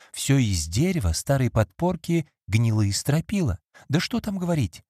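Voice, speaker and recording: A man's voice: mid-range voice, dark tone, no room sound, studio quality, voice pushed up. A man reading an audiobook and voicing a timid former maid, now an innkeeper's wife, who whimpers and pleads in a raised, woman-like voice.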